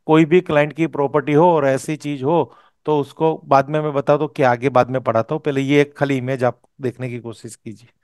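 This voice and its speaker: A man's voice: medium pitch, fairly even intonation, a little fast, darkish tone, clean tone, dry recording, studio quality. A man teaching a course, explaining step by step and often checking that his student follows. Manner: explanatory, checks understanding with "okay?". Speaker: vastu teacher.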